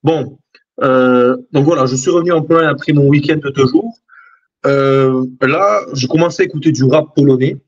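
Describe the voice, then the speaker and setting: A man's voice: mid-range voice, normal speed. A man talking as a guest over a video call, hesitant and restarting with many fillers. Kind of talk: casual chat. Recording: dull, lo-fi video call audio.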